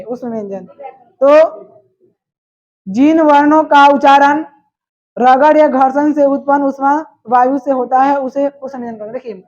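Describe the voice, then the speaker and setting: A woman's voice: high-pitched, a little mellow. A woman teaching a grammar class. She asks questions and then answers them herself. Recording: dull lo-fi recording.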